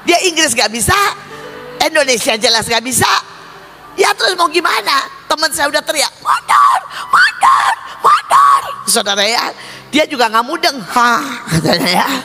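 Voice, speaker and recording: A man's voice: extremely high pitch, lively intonation, normal speed, pauses often, pushed and bright, shouting. A male preacher giving an emphatic sermon testimony, telling his story and constantly addressing the congregation. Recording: reverberant hall with music behind.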